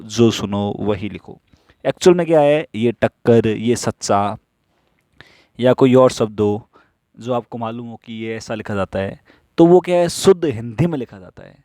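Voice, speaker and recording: A man teaching stenography in a slow classroom style, who asks questions and answers them himself while repeating the rules. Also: medium pitch, a little mellow, no room sound, studio quality.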